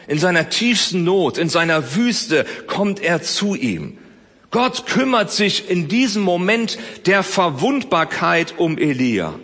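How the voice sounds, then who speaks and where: A man preaching a sermon, swinging between loud emphasis and soft, close speech. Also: fairly high pitch, breathy edge, in a large hall. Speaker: pastor.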